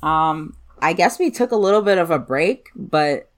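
Lowish-voiced woman in casual podcast chat. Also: lively intonation, normal speed, a crowd in the background. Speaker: co-host.

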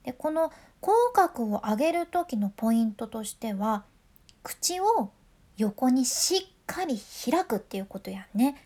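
High, lively Fukuoka-accented woman coach. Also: a little slow. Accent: Fukuoka dialect of Japanese. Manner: chatty, playful, demonstrates voices. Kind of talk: friendly voice lesson.

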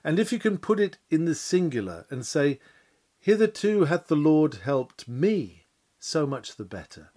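A man's voice: medium pitch, a little mellow. A man delivering a sermon in solemn, old-fashioned biblical language, full of rhetorical questions. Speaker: preacher. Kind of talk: sermon reading.

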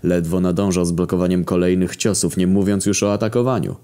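A man narrating a crude, darkly comic story in a wry, deadpan way. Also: deep voice, brisk, clean tone. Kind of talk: casual profane story narration.

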